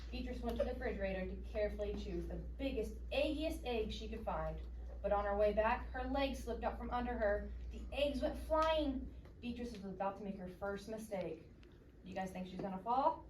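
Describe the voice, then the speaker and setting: A woman with a medium-pitched voice reads a children's story aloud a little fast, expressive and interactive like a questioning teacher. She is recorded from a distance in an echoey, noisy room.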